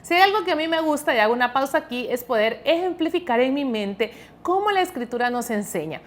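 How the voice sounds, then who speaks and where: A young woman delivers a sermon with a high, bright-toned voice. She speaks earnestly and with emphasis, leaning into the scripture she reads aloud. Her retelling of the passages is dramatic. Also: expressive, fast talker. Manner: earnest, emphatic preaching with dramatic reading of quotes. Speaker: preacher.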